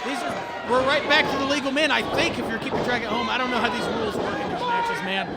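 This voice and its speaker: A male wrestling commentator calls live action in a very high, excited voice. He reacts to each move in exclamations over a loud crowd and heavy arena noise. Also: fast.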